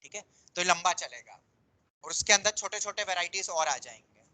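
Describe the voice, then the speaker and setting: Guy teaching maths to a class, bright sharp voice, patient, mixes english words in, keeps saying beta. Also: sits high, animated, a little fast, rough recording. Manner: explains patiently, calls students beta, mixes English terms into Hindi. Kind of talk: classroom lecture. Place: classroom with students, also teaching online.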